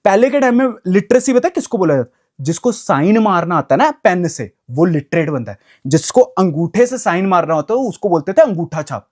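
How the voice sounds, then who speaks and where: A young man rants to camera in a casual vlog. His pitch swings widely as he talks, and he leans on emphatic repetition. He drops English phrases into his talk. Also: big pitch swings, fairly quick, a little mellow. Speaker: vlogger. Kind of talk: casual opinion rant to camera.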